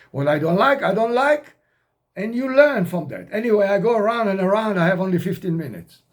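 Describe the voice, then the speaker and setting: An older man from outside America talks to his camera in a high voice. He speaks slowly and wanders off topic, giving blunt advice in broken but confident English. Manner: rambling, direct advice in non-native grammar. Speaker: expat vlogger. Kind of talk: casual talk to camera. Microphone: camera mic.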